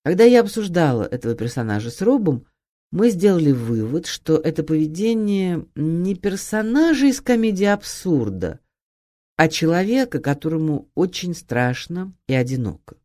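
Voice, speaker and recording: Expressive woman reading with mellow tone. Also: sits low, moderate pace. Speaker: audiobook reader. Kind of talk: scripted narration of an acting guide.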